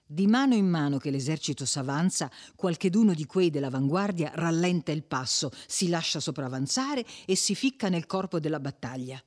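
A reader narrating a classic novel with expressive, suspenseful pacing. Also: medium pitch, moderate pace, hardly any pauses. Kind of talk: dramatic audiobook narration.

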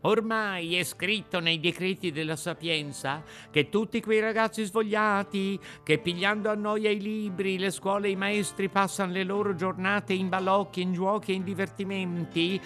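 A man voicing a kindly female marmot who speaks gently and consolingly. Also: high-pitched, steady tone, normal speed, hardly any pauses, faint music behind, pitched above the performer's own voice.

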